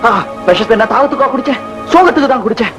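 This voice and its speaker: A man's voice: high voice, very animated, fairly quick, poor audio. An actor playing a cheeky young man who hams up his lines to tease a woman. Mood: comic. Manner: teasing, exaggerated wailing. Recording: 1980s film soundtrack with music.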